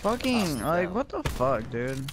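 A man's voice: on the high side, sing-song, slow, loud music behind the voice. A young man chatting with friends while gaming, brash and swearing constantly, over a headset. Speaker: gamer. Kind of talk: casual gaming chat with friends. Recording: noisy game audio behind.

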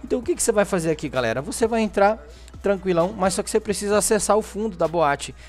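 His voice is high-pitched with lively intonation and a quick pace. A Brazilian gaming channel host, he offers casual, chatty walkthrough commentary in informal speech, often tossing in little tag questions to check in.

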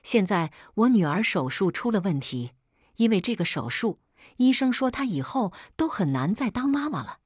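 A raging middle-aged mother hurls insults in a husky, lively-pitched voice, as a woman narrator puts her on. She is coarse and abusive and never softens. The voice is dry and close. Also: moderate pace, no echo. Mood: furious. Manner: shouting insults, screeching accusations.

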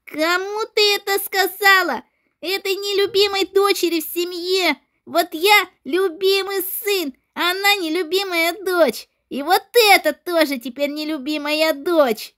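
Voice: extremely high pitch, fairly even intonation, a little slow, pushed and bright, full character voice. A performer voicing an arrogant schoolboy in a game role-play, boastful and mocking toward classmates. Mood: gloating. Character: arrogant schoolboy who calls himself the coolest.

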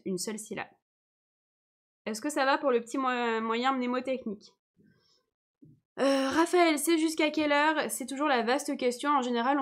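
Patient young woman teaching a live lesson. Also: on the high side. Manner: patient, checks in often with viewers. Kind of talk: live online French lesson.

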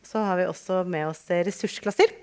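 A woman's voice: lowish voice, darkish tone, smooth. A woman hosting a live award event who speaks conversationally with small fillers. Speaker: event host.

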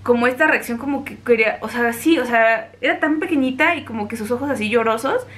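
Young mexican woman, chatty storyteller, slightly high voice, animated delivery. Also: fairly quick. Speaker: vlogger. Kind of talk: casual storytelling.

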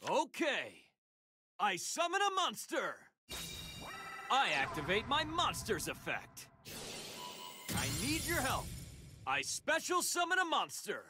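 A young anime hero in a card game, pitched high and swinging widely as he declares each move. He is earnest, determined and hopeful, with slow, deliberate delivery over loud music. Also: full character voice. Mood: defiant.

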